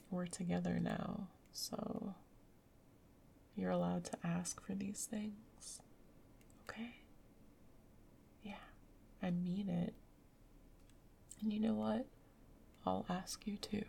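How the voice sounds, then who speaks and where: Woman, soft whisper, soothing, slow, heavy vocal fry, faint rain behind. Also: mid-range voice, slight background noise. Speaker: girlfriend roleplay. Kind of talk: ASMR roleplay. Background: rain sounds.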